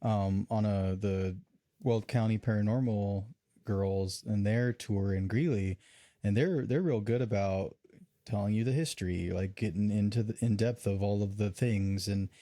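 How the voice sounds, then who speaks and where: Man, low voice, mellow tone, dry close sound, earnest podcast chat. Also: unhurried, no room sound. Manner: earnest, many restarts. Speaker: paranormal investigator.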